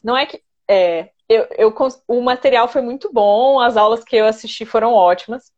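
A woman's voice: fairly high pitch, normal speed, a little mellow, dull audio, a little hiss or hum. A woman with a Brazilian caipira country accent, chatting informally as an interview guest and often repeating herself. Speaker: interview guest, federal prosecutor. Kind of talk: casual chat, answering questions.

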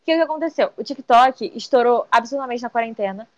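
A young woman with a high, bright-sitting voice tells stories in a casual interview, animated and quick to act out the people she quotes. The recording is close and dry, with no room sound. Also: no room sound, lo-fi sound. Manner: animated storyteller who acts out quoted voices and says "tipo" often. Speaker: TikTok creator guest.

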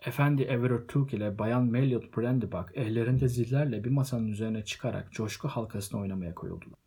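A man reading a novel aloud as an audiobook narrator, in measured, steady storytelling. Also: mid-range voice, husky. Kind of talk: scripted literary narration.

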